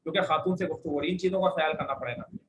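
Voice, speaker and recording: A man's voice: fairly high pitch, steady tone, background noise. A man from Pakistan teaching an Arabic class, firmly drilling and correcting his students. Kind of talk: classroom lesson with online students.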